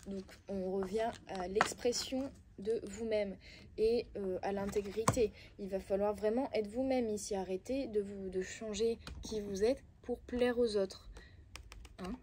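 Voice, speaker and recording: A woman's voice: mid-range voice, noisy background. A woman with a Belgian French accent gives a casual oracle card reading, speaking straight to her viewers with coaxing but blunt advice and many hesitations.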